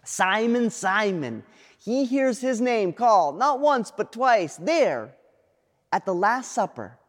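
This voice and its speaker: A man preaching a sermon as pastor, dramatic, with pauses and repeated refrains. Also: sits high, big pitch swings, long reverb tail. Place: church sanctuary.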